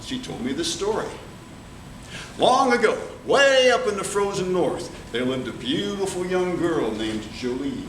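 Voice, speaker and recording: A man telling a tall tale as a contest storyteller, theatrical and deliberate, with dramatic pauses. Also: fairly high pitch, a bit bright. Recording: distant, echoey room with background noise.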